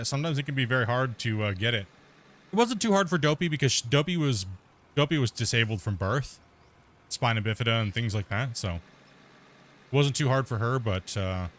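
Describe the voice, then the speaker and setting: A man's voice: mid-range voice, a bit bright, a little hiss or hum. A man hosting a gaming channel, talking casually and rambling with lots of fillers while he plays a mining game. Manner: rambling and chatty, many fillers and restarts.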